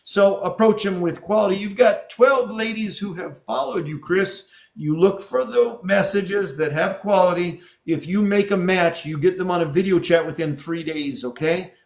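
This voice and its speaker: A man's voice: high voice, normal speed, vocal fry, hardly any pauses. A man hosting a casual live show, talking in an encouraging way and repeating phrases for emphasis. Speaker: live dating show host.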